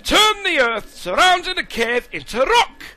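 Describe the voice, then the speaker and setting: A man's voice: very high-pitched, big pitch swings, unhurried, sharp tone, heavily acted. A man voicing a bossy, scolding dwarf mine taskmaster in a cartoonish video game tutorial. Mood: bossy instructing.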